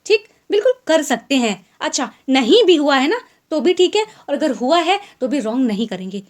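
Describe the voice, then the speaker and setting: A woman teaching an online grammar lesson, explaining in a Hindi-English mix and reading example sentences slowly. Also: sits high, very animated, a little mellow.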